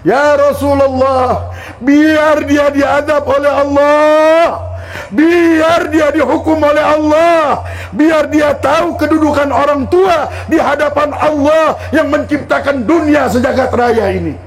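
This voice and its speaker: A man voicing a grieving elderly mother who refuses to forgive, with pleading, drawn-out cries. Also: extremely high pitch, lively intonation, voice pushed up, full character voice, poor audio. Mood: bitter wailing.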